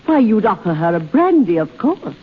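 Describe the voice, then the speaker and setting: An actress playing a blunt, wisecracking elderly aunt from a gang of swindlers in a 1930s radio drama. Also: female voice, mid-range voice, very animated, normal speed, natural voice. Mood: sardonic. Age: older. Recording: dull, noisy 1930s radio broadcast.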